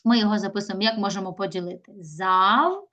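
A middle-aged woman teaches young children in a recorded video lesson. Her voice sits in an ordinary middle range. She often slows down to stretch words out syllable by syllable. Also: mid-range voice, lively intonation, highs cut off. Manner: slow, drawn-out syllables when sounding out words. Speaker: primary school teacher.

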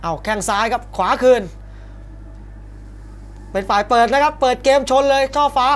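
A man calls a Muay Thai bout live in punchy short bursts full of exclamations, his very high voice a bit bright and moving at a moderate pace. The broadcast carries arena crowd noise and faint fight-arena ambience in the background.

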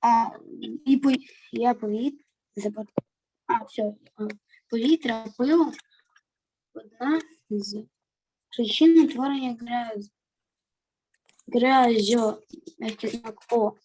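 A woman's voice: fairly high pitch, slow pace, long pauses, dark tone, husky, low-quality recording. A female pupil reading aloud hesitantly in a lesson, stopping and restarting words.

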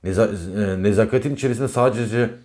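A man who does astrology for a living chats about star signs in a fairly low, slightly mellow voice at a quick pace. He hammers his points home, repeats them, and reprimands the listener to their face.

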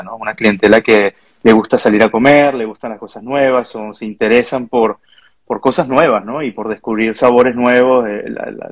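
A Venezuelan chef in his thirties with a Venezuelan accent, speaking earnestly on a video call interview, often tagging his sentences with a questioning "no". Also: mid-range voice. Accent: Venezuelan Spanish. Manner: earnest, thoughtful, frequent restarts and "¿no?" tags. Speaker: chef and restaurant owner. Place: home or office room with pictures on wall, indoors. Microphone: video call, earbuds.

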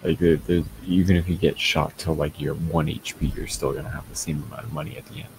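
Young man, low voice, gravelly, rambling casual gaming chat, noisy game audio. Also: little pitch movement, fast talker. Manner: rambling, many restarts. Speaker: gamer.

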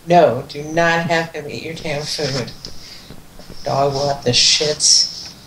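Low-voiced blunt woman gaming. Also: fairly even intonation, fairly bright tone, a little hiss or hum. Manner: blunt, swears casually, quick asides. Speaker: co-host of a gaming channel. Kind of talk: casual gaming chat. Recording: roomy, distant mic.

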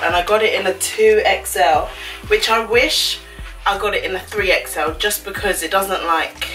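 Recorded roughly and from a distance, a fashion vlogger speaks in a fairly low, sharp voice. In her small bedroom, she gushes casually over the clothes in her try-on haul, dropping slangy asides, while a camera on a stand sits a few feet away.

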